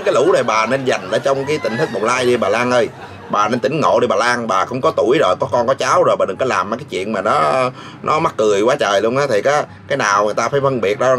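A man's voice: mid-range voice, a bit bright, a little hiss or hum. A man hosting his vlog, ranting sarcastically and scolding, breaking into laughs mid-sentence. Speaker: vlogger host. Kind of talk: mocking commentary rant.

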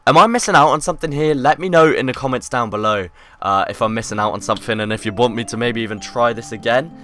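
Bright-voiced gaming commentator. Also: male voice, mid-range voice, quick pace, no room sound, soft background music. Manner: sarcastic, reads game text aloud with jokey asides. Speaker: gaming YouTuber. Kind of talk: let's play commentary.

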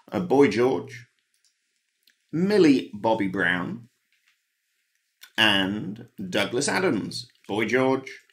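A man's voice: on the low side, fairly bright tone. A man hosting a pub quiz, reading out the answers with dry, wry asides. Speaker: quiz host. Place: home, recorded alone.

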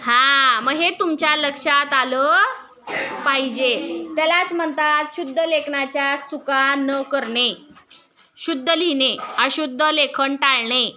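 A woman's voice: high voice, slow, bright, forceful tone, a little hiss or hum. A middle-aged woman teaching a class, walking pupils through each point and stopping to put questions to them. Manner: asks pupils questions and waits for answers. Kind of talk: classroom lesson.

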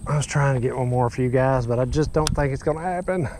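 A man's voice: mid-range voice, fast. Muttering Kentucky man fishing outdoors. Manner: mutters and exclaims to himself while fishing. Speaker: fishing vlogger. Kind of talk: casual running commentary. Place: outdoors at a grassy pond bank. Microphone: head-mounted action camera. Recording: outdoor wind noise.

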